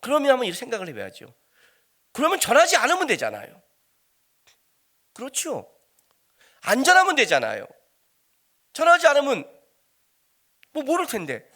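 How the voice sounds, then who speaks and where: Animated Korean pastor, high lively voice. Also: male voice, moderate pace, pauses often. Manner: animated, conversational preaching with rhetorical questions to the congregation. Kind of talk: sermon.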